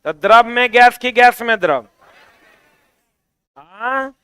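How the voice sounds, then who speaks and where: A man's voice: very high-pitched, animated, slow pace, bright, forceful tone, clean tone, no echo. A man with a Bihari accent teaching an exam-prep class in a chatty, teasing, coaxing way.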